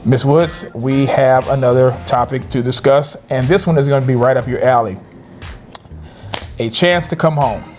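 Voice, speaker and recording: A man co-hosting a couples' ministry channel, chatting in a lively, teasing way. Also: medium pitch, moderate pace, faint music behind. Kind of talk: casual chat.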